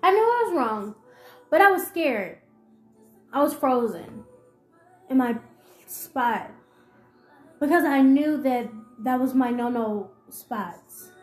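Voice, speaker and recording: Woman with a high voice telling her own story, emotional and halting, repeats herself a lot, roomy echo, faint music under it. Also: animated. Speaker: podcast host. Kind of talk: personal storytelling monologue.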